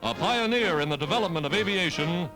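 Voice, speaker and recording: Man, old newsreel narration, high voice, dramatic announcer delivery, loud music underneath. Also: lively intonation, a little fast.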